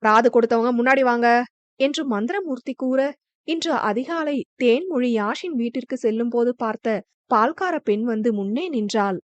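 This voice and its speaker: A woman narrating a romance novel as an audiobook reader, in an even storytelling manner. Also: a little high, normal speed, no echo. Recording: dull, dry lo-fi recording.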